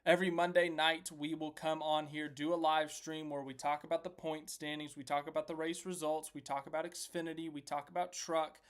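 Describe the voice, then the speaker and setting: A man hosting a casual racing recap live stream, chatty and self-deprecating, reacting out loud as he works through standings on screen. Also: a little high, level tone, a little fast, few pauses, smooth. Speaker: host of a racing recap livestream.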